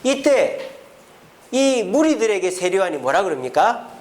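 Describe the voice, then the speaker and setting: A man preaching a sermon as pastor, acting out biblical figures in lively bits of dialogue. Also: high voice, measured pace. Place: church.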